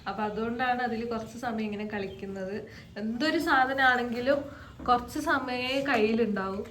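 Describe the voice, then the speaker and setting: Mother at home, slightly raised pitch, slight cold, repetitive coaxing baby talk, faint background noise. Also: normal speed. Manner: repetitive, coaxing, sing-song prompts. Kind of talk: casual baby talk to a toddler.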